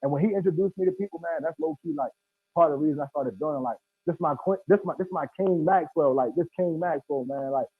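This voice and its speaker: On a video call from an indoor room, an American man in his thirties talks casually and emphatically in slang, often saying "bro," in an animated discussion. His voice is on the high side, quick and a bit breathy. The thin, phone-like call audio is dry, with soft background music.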